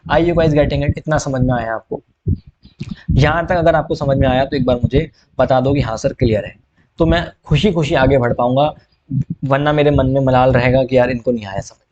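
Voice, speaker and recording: A man's voice: mid-range voice, moderate pace, darkish tone, muffled recording. A young man teaching a recorded exam-prep lecture in a chatty, joking way, often checking with his students and dropping English terms with an Indian accent.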